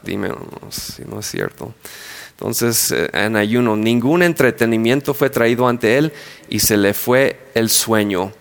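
Preacher telling a story. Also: male voice, mid-range voice, animated, unhurried, creaky. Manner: storytelling, playful asides, acts out scenes. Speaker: pastor. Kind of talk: sermon.

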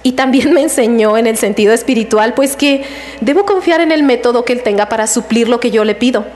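A woman's voice: on the high side, a little fast, a little mellow. A middle-aged woman giving a casual devotional talk about a personal story, laughing often as she tells it.

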